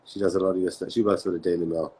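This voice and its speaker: A man hosting a casual live-stream interview, talking in quick bursts full of restarts. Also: low voice, little pitch movement, dark tone, breathy edge, poor audio. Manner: rapid, halting, many restarts and "man". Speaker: host.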